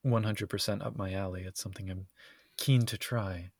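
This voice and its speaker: Guy with a lowish voice just chatting on a podcast, really dry closet sound. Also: fairly even intonation, normal speed, dry recording. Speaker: podcast co-host. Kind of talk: casual conversational podcast chat. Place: inside a closet at home.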